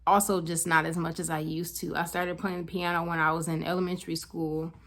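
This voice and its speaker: Woman therapist, slightly low voice, reflective talk to camera, measured and searching. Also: flat delivery, a bit bright. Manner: thoughtful, unhurried, searching for words with small restarts. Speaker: licensed therapist and wellness coach, channel host.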